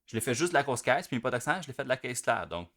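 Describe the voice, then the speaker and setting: A man giving a relaxed, conversational drum lesson, full of fillers. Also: medium pitch, rapid-fire, soft background music. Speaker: drum teacher. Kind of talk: casual spoken instruction. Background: drum playing.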